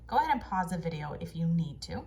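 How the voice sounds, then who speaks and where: A woman teaching a phonics lesson to children, sounding out letters and words in slow, drawn-out drills. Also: on the low side, sing-song, darkish tone.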